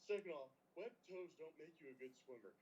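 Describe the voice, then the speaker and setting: A man's voice: fairly high pitch, lively intonation, fast talker, darkish tone, dull audio, slight background noise. A man on a casual podcast, firing back sarcastic, mock-serious comebacks laced with swearing. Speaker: podcast co-host. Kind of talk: casual banter among friends.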